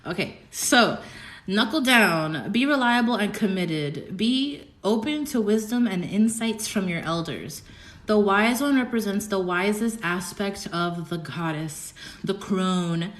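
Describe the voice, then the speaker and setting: A young woman giving a casual livestream tarot reading, chatty and excitable, rambling with giggles. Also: medium pitch, a little slow, roomy sound. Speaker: tarot reader.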